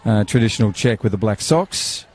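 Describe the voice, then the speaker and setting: A man's voice: fairly low pitch, lively intonation, normal speed, a little mellow, a little hiss or hum. A man, commentating live on a football match outdoors, chatty and rambling, with banter and fillers.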